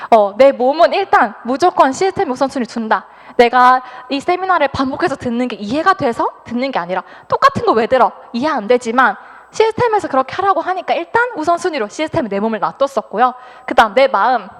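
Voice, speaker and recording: Woman, 20s, high lively testimony voice, speaking in a reverberant hall. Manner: animated, acts out quoted thoughts, laughs often. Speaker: business speaker. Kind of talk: personal testimony talk.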